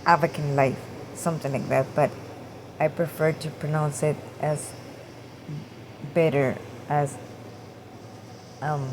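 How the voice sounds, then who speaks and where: A woman vlogger talking casually and hesitantly, with many pauses, fillers and restarts. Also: sits low, level tone. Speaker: gaming vlogger. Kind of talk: casual talk to camera. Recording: noisy room with air conditioning hum.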